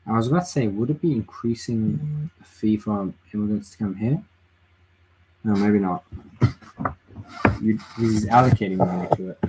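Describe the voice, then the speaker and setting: A man's voice: on the low side, a little hiss or hum. A man casually commenting on a livestream, exclaiming and swearing freely with frequent laughs. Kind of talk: casual live-stream commentary.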